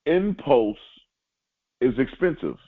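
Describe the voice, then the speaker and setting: A man giving a spiritual teaching, speaking directly to his listeners and repeating key lines slowly for emphasis. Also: medium pitch, sing-song, breathy edge. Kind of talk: sermon-like teaching. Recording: tinny phone-like line.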